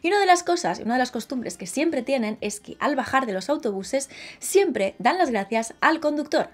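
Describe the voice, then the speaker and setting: A young woman, talking lively and chatty to camera in a casual vlog, recorded close up in a small bright room. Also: fairly high pitch. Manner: lively, chatty, gestures a lot with her hands. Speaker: vlogger.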